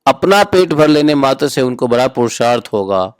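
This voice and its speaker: Man, spiritual teacher, casual scripture discourse, rhetorical questions, mid-pitched, dry close sound. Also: big pitch swings, moderate pace, clear, resonant tone, no echo. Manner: asks listeners rhetorical questions; informal, storytelling asides.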